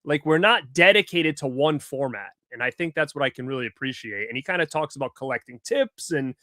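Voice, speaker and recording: A man's voice: medium pitch, expressive, a little fast, no echo, clean studio sound. Upbeat man hosting a livestream on a headset mic. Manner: upbeat, shouts out viewers by name. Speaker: livestream host. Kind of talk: casual live-chat greetings.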